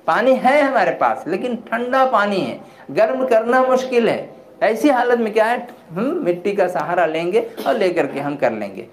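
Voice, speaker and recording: A man teaching at a religious gathering in a plain, conversational way after slow recitation. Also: high-pitched, animated. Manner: recites Quran slowly, then explains in plain conversational tone. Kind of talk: religious instruction talk. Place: gathering hall. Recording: echoey room with faint ambient noise.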